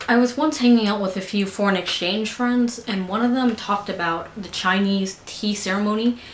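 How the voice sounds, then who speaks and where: In an echoey room with slight background noise, a young American woman talks earnestly in her personal vlog at a normal pace and medium pitch. Fillers and restarted sentences crop up frequently.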